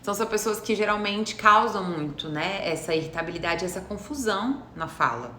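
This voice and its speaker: A woman's voice: mid-range voice, animated, fairly quick, pushed and bright. Brazilian psychologist woman in an echoey room. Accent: Brazilian Portuguese. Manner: teacherly, checks in with listeners often. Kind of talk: live explanatory talk. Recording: roomy echo with faint noise.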